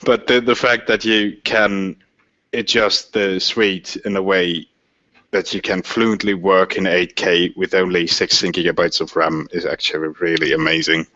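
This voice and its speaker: German-accented man, bright low voice. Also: little pitch movement. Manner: halting, apologetic, laughs often. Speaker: guest. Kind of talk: casual livestream chat. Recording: dull lo-fi stream audio.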